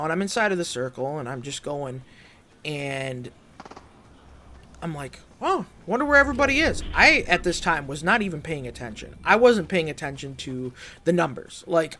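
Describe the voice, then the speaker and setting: A man who makes gaming videos, telling his viewers a story in a rambling, excitable way, full of fillers like "you know" and "like". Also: fairly high pitch, a little hiss or hum. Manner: animated, excitable retelling.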